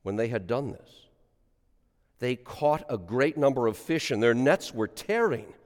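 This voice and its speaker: A middle-aged man, a priest, reading the gospel and preaching a homily with a lively delivery that rises on quoted lines, heard in a large church with a long cathedral echo. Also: mid-range voice, a little slow. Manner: lively sing-song delivery, rising on quotes.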